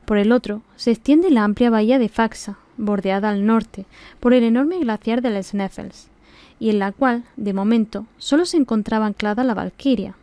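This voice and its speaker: Andalusian woman reading, mellow higher-pitched voice. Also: normal speed, dry recording. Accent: Andalusian Spanish. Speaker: audiobook reader. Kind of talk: scripted narration of a classic novel.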